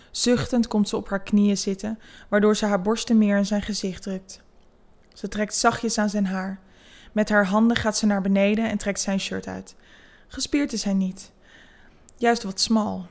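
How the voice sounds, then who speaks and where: A woman reads a scripted erotic story aloud at a mid pitch, keeping her delivery calm and unhurried. Her intonation stays narrow and even from line to line. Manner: calm, level, unhurried reading.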